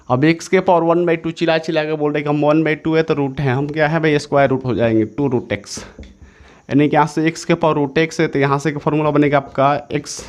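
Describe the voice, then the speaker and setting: A man teaching an exam-prep maths lesson, repeating each step several times and correcting himself as he goes. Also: fairly high pitch. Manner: self-correcting, says sorry mid-explanation.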